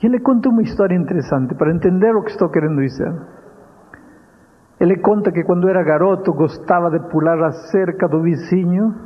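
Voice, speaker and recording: Preacher telling a sermon story, long hall echo. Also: male voice, fairly high pitch. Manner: dramatic, with slow deliberate stretches. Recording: dull radio sound with long hall reverb.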